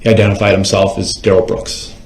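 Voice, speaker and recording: A man testifying in court as a police officer, giving formal, measured, report-style answers. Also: sits low, monotone, darkish tone. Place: indoors in a courtroom. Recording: echoey courtroom microphone.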